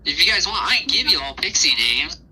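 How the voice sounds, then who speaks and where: A man's voice: high voice, sing-song, fairly quick, sharp tone, slight background noise, voice pushed up, heavily acted, rough recording. A man voicing a cute, officious little male pixie gatekeeper in a tabletop game, with a fussy, haughty manner. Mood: cutesy, pleased.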